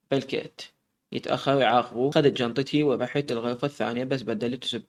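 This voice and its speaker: Fast-talking storyteller man. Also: medium pitch. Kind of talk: first-person story narration.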